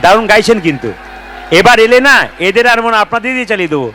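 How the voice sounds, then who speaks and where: A man leading a devotional gathering, talking to the crowd and rousing them to chant louder. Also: sits high, lively intonation, fast, slight background noise. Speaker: kirtan singer leading a gathering. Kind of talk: devotional talk and call-and-response chanting.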